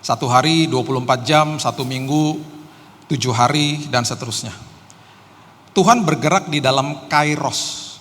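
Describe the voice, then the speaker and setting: In a church hall during a live service, a middle-aged man from Jakarta, Indonesia, preaches as a guest pastor. His voice is medium-pitched and fairly bright, and he tells personal stories conversationally, with self-deprecating humour. The reverberant hall carries faint background noise.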